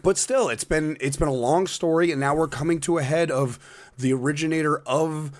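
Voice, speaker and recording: A man with a raspy smoker's voice co-hosting a casual wrestling podcast, rambling and correcting himself as he goes. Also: fairly high pitch, fairly quick. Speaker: podcast co-host.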